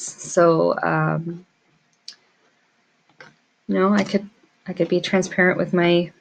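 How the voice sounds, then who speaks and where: A small business owner gives an informal tutorial on pricing, thinking aloud and muttering to herself as she works through it. Her medium-pitched voice is gravelly and a bit bright.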